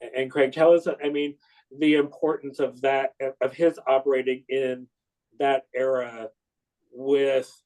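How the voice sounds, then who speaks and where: A man in his sixties interviewing, who speaks haltingly with many fillers and restarts. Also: medium pitch, little pitch movement, dark tone, poor audio. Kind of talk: conversational interview.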